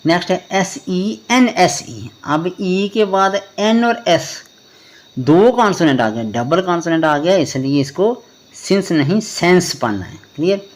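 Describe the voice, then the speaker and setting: A man teaching a pronunciation lesson, spelling words out letter by letter and often checking whether it is clear. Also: sits high, animated, unhurried. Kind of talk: spoken classroom lesson.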